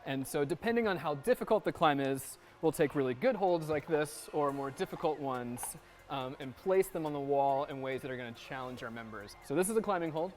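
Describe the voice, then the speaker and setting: A man sets climbing routes and calmly explains how they work, pausing now and then with fillers. His voice sits a little high, and soft music runs underneath. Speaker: climbing gym route setter. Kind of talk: explaining on camera.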